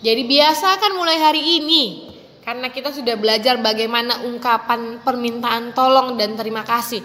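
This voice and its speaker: A woman teaching young children, speaking gently and calling her pupils dear, sometimes acting out a child's requests in a high voice. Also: normal speed, big-room sound, a little hiss or hum. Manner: acts out children's rude and polite requests in a high voice. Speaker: primary school teacher. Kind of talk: online lesson for young children.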